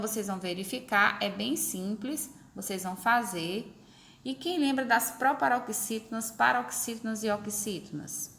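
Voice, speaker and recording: A woman teacher explaining a lesson to her pupils, repeating examples slowly and stretching syllables. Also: medium pitch, creaky, fairly bright tone, a little hiss or hum. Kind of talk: recorded remote class explanation.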